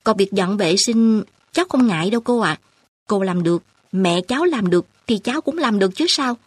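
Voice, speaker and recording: A woman voicing an earnest, determined young woman student who talks her elders round, with a husky voice. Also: mid-range voice, animated, brisk, no echo. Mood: eager. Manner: earnest and insistent.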